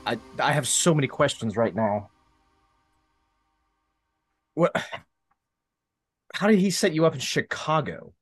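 A man's voice: mid-range voice, big pitch swings, unhurried, pauses often, husky, no room sound, soft background music. A man playing in a tabletop role-play, speaking in a hesitant, stammering way with many restarts. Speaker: player.

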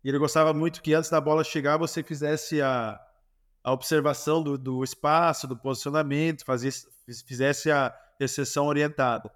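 A Brazilian man in his forties speaks with a Brazilian Portuguese accent and a somewhat high voice. He answers interview questions by telling stories and acting out the dialogue in a lively way. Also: fairly quick. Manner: animated, lively storytelling with acted dialogue. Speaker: former goalkeeper, guest.

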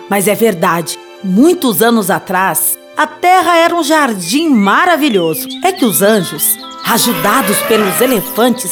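High, animated Brazilian woman, kids show host. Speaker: host of a children's radio program. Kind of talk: scripted radio presenting and storytelling.

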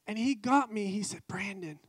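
A man with a fairly high voice preaches a testimony sermon with fervent emphasis. He drives his key phrases home by repeating them. The sound is dry and close, with no room echo. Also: moderate pace, husky.

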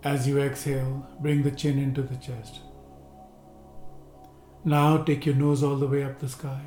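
A man leads a seated meditation in a slow, gentle, unhurried way, leaving long pauses between instructions. His voice is mellow and dark at a middle pitch. The room gives a roomy echo, with soft music faint underneath. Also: flat delivery. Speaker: meditation guide. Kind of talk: guided relaxation instruction.

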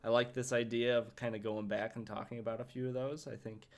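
A man's voice: medium pitch, flat delivery, fast. A young man co-hosting a podcast in casual chat, laughing often and swearing freely. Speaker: podcast co-host.

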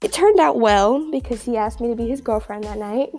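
A woman's voice: a little high, fairly quick, mellow, soft background music. A teenage girl from Texas hosting a podcast in a casual, rambling, slangy chat, her voice muffled by a face mask, recorded at school. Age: teens. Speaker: podcast host. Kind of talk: casual chatty monologue.

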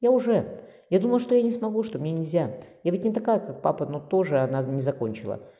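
A man reading an audiobook voices a gentle young girl who talks to birds and flowers, speaking tenderly and wistfully. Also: fairly high pitch, expressive, quick pace, voice pushed up. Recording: long reverb.

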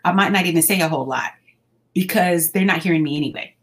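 A woman with a slightly low voice speaks as a guest in a relaxed interview. She is calm and measured and often laughs as she talks. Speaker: school staff working with students. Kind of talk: casual interview conversation.

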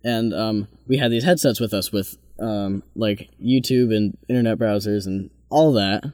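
A man's voice: fairly low pitch, moderate pace, darkish tone, dry recording, studio quality. A man co-hosting a podcast, telling stories in a playful, teasing way and acting out what people said. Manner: playful, teasing, chatty, quotes people in their own voices. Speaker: podcast co-host. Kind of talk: casual chat, telling stories.

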